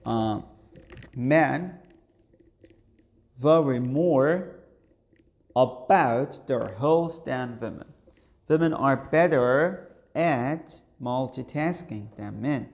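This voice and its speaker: A man whose first language is Persian teaches an online English lesson, working through the answers. He talks at an unhurried, halting pace with plenty of fillers, and his voice has a gravelly edge. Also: mid-range voice, highs cut off. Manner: slow, halting, many fillers.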